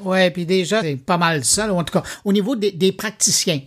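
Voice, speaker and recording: A male podcast host, talking in a relaxed, conversational way. His intonation moves up and down freely, with quick rises when he asks a question. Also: high voice. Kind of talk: interview host, casual chat.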